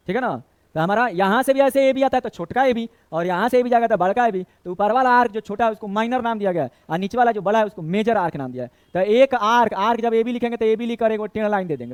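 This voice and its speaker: A man's voice: extremely high pitch, clean tone, dry recording. A man teaching a maths class, chatty, joking with and scolding his students, dropping in Bhojpuri words. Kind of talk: classroom lesson.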